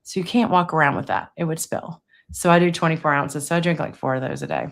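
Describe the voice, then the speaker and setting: Fifty-something woman, kinda low voice, chatty and rambling, casual interview. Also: expressive, fast, vocal fry. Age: 50s. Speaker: guest. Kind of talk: casual chat. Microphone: streaming interview setup.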